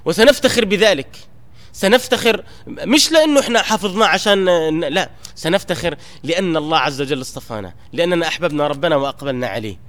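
Fast-talking high-voiced man exhorting. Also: lively intonation, a bit bright. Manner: earnest, exhorting, rising emphatically at key points. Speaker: Quran memorization program teacher. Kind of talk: recorded exhortation to students.

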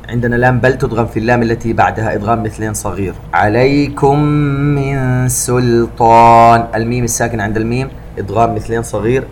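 A man giving a tajweed lesson. He recites each phrase slowly and fully, then explains the pronunciation rule in a quick, quieter voice. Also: medium pitch, a little hiss or hum. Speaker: Quran recitation teacher.

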